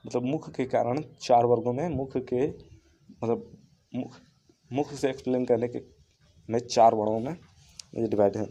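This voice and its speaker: A man's voice: mid-range voice, mellow. A man teaching a Hindi grammar lesson in a classroom style. He restates each rule in simpler words and draws out the vowel sounds he gives as examples.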